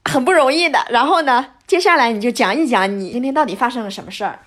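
A woman's voice: sits high, fast talker, a bit bright. A woman co-hosting a podcast, prompting her partner with short questions in casual chat. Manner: brief prompts and backchannel replies. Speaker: podcast co-host.

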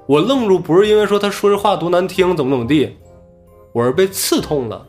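A man casually telling a story from his own life on a podcast, animated and acting out what others said. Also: sits high, a little fast, soft background music. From Inner Mongolia.

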